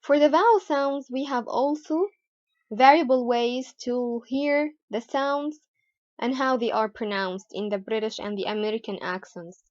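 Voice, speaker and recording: A woman teaching English pronunciation, explaining deliberately and repeating example words for learners. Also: fairly high pitch, steady tone, no echo. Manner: carefully repeats model words for practice. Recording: dull, slightly lo-fi dry sound.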